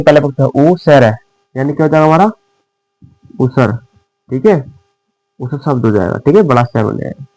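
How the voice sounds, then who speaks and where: A man's voice: a little high, no room sound, low-quality recording. A male teacher explaining shorthand in a classroom-style lesson, asking questions and answering them himself, calling his students dear children. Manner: repetitive quiz-style, asks and answers himself; affectionate address to students.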